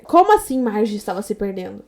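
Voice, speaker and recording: A woman's voice: medium pitch, very animated, fairly quick, darkish tone. A Brazilian woman in her thirties, a podcast guest telling her story casually and animatedly, acting out the dialogue she quotes. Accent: Brazilian Portuguese.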